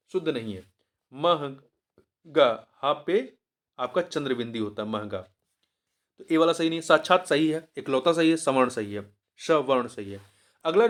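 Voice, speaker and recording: A man teaching as he works through a test paper, explaining each answer and repeating the key word slowly, sometimes stopping to correct himself mid-word. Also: on the high side. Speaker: exam prep teacher.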